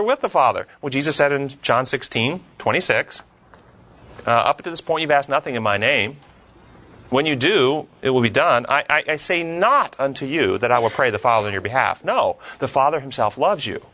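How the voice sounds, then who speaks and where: A man's voice: on the high side, fairly bright tone. A man leading a Bible study discussion, quoting scripture earnestly and driving points home with rising, emphatic questions.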